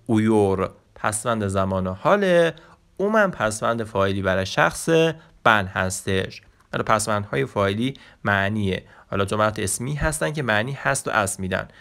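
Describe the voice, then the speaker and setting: Persian accent guy teaching turkish words, lowish voice, drags out the example words then rushes the explanations. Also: fairly bright tone. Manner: slow, drawn-out repetition of example words, quick explanations in between. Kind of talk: vocabulary lesson.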